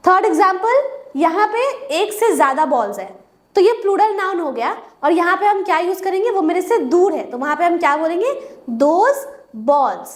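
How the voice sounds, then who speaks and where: A woman's voice: very high voice, lively intonation, fairly quick. A woman whose first language is Hindi, teaching English grammar step by step and asking and answering her own questions. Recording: echoey room.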